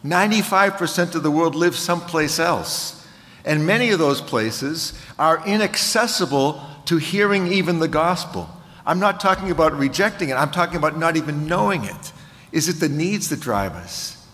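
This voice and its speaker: A man's voice: fairly high pitch, lively intonation, moderate pace, fairly bright tone. An older man with a Boston accent, preaching as a guest in a conversational, wry and self-deprecating way. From Boston area, United States. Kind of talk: sermon with conversational anecdotes. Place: large church hall, at a pulpit. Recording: reverberant hall sound.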